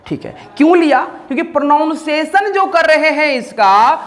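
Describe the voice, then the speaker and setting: A man's voice: very high voice, bright, forceful tone. A man teaching an English grammar lesson, repeatedly asking the class questions and answering them himself.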